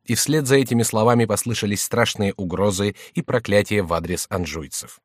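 Casting: low, steady male audiobook narrator, close and dry. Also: slightly rough, no echo. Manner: measured, even reading.

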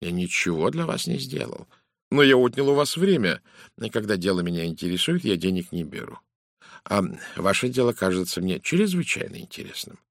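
Man voicing a calm precise detective, quiet, measured, gently ironic, audiobook voice, low, dry close sound. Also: gravelly, no echo. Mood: gentle. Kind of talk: audiobook character voice.

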